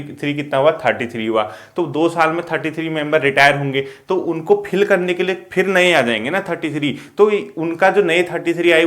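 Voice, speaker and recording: A young man teaching a classroom lecture, explaining slowly, repeating key terms and checking in with his students. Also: medium pitch, a bit bright.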